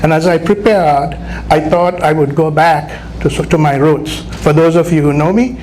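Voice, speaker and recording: At a live business chamber talk, a middle-aged Sri Lankan-accented man gives a conversational motivational speech, frequently asking "right?". His voice is a little high and slightly mellow at normal speed, though the audio is poor and background noise is clear.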